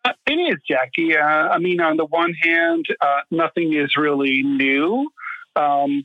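A man joins a radio show as a guest, his voice a touch high. He speaks thoughtfully, pausing often with uhs and ums. His voice comes through a dull, dry remote line. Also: no room sound. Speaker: guest commentator. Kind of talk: radio interview.

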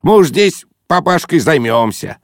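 A man voicing a brash, overfamiliar man who teases and shouts in bursts, in an audiobook reading. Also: on the high side, lively intonation, a little slow, no room sound, clean studio sound, pitched above the performer's own voice. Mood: cheeky, brash. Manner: boisterous, teasing, shouty bursts. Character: brash overfamiliar loud man, mocking, pushy.

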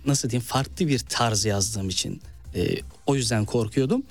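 A man's voice: mid-range voice, unhurried, soft background music. A man from eastern Turkey with an eastern Turkish accent, a novelist and actor telling stories in an interview and acting out quoted speech. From Malatya, eastern Turkey. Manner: animated storyteller, acts out quoted speech. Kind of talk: interview storytelling.

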